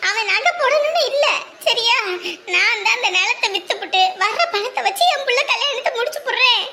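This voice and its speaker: A woman's voice: extremely high pitch, a little fast, very noisy. An actress playing an anxious, self-pitying village mother, scolding and lamenting in a drama. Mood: pleading.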